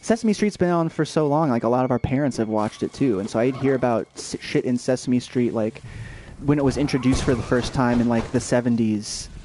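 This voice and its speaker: A man's voice: medium pitch, a little fast, dark tone, slight background noise. A young adult man streaming a video game, chatting casually and rambling with lots of fillers and restarts. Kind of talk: casual let's-play chat.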